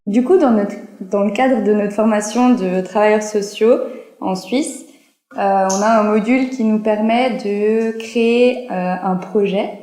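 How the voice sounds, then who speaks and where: A woman in her twenties, a social work student, giving a hesitant testimonial with many pauses. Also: medium pitch, dark tone, echoey room, faint music behind. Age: 20s. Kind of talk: testimonial to camera. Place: in Benin.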